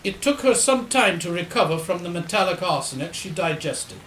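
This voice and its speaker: High, bright-voiced earnest doctor played by a man, Watson. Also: expressive, moderate pace, roomy sound, slight background noise, poor audio. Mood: earnest recounting. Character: earnest, explaining doctor, detective's loyal companion. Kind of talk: audio drama acting, storytelling.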